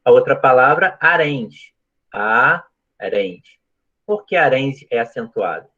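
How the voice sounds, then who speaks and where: A man teaching a live grammar class, talking students through each point and checking often that they follow. His voice is husky and sits at an everyday middle pitch. The stream audio sounds dull and lo-fi. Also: animated, takes it slowly, sharp tone. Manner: explanatory, asks frequent checking questions. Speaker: Portuguese teacher. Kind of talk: live online grammar lesson.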